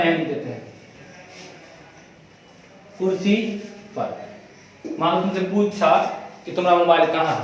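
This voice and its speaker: A man's voice: high-pitched, a little hiss or hum. A man teaching English in a classroom, asking the class and having them repeat words. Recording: echoey room, from far off.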